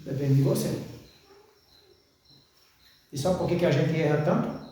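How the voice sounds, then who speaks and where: A man's voice: on the high side, measured pace, dark tone, a little hiss or hum. A man preaching a sermon in church, folksy and questioning, calling his listeners brother. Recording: very echoey church, mic far off.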